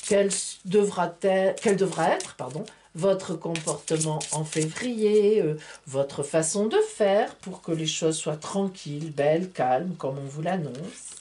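Her voice sits on the low side, mellow and unhurried, with a bit of background noise behind it. Reading a monthly horoscope from tarot cards in a casual to-camera style, the astrologer chats playfully and leans on fillers such as "hein" and "voilà."

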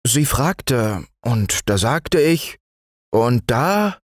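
A man's voice: fairly high pitch, lively intonation, normal speed, no echo, clean studio sound, voice pushed up, lightly acted. A man voicing a stubborn, curious young boy in a bedtime storybook. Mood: eager. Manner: defiant, eager. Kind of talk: storybook reading.

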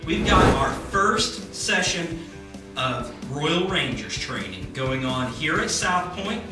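A man's voice: on the high side, very animated, slow, heavy reverb, far from the mic, music in the background. A man playing a corny church news anchor. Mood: cheery. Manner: upbeat, jokey, corny patter. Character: cheesy adult male church news anchor.

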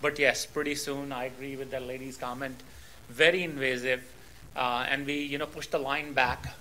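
A man's voice: mid-range voice, level tone, normal speed, pushed and bright, a little hiss or hum, low-quality recording. A man in his thirties, a resident speaking at a podium in a council chamber, friendly and rambling with many fillers. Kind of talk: public hearing comment. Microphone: podium microphone.

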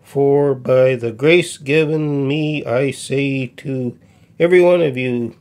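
A man in his fifties, a home musician, chatting in a folksy, unhurried way and then reading scripture aloud, recorded in a small music room on a desk mic. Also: mid-range voice, darkish tone. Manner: folksy, unhurried, with frequent pauses. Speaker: folk musician and host. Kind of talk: casual chat and Bible reading. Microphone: desk condenser mic in front.

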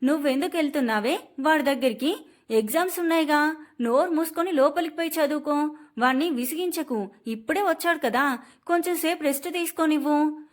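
A woman's voice: high-pitched, a little fast, natural voice. A woman voicing a strict mother who firmly scolds her daughter in a storybook tale. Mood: scolding.

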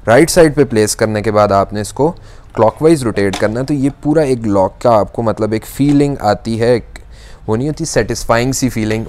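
Smooth and a little mellow, this medium-pitched male voice belongs to a young electronics-store salesman. He patiently shows how a kitchen appliance works step by step, drawing out "aa" between phrases.

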